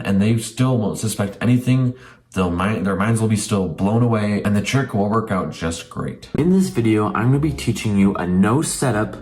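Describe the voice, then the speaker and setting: A man's voice: on the low side, darkish tone, a little hiss or hum. A man presenting a magic tutorial, explaining step by step in an informal, repetitive instructing way. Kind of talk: casual step-by-step tutorial narration. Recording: music playing behind the voice.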